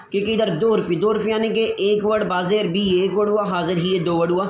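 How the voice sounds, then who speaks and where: A man teaching Quran reading, spelling out letters in a slow, patient, repetitive lesson. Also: sits high. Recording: echoey room with faint hiss.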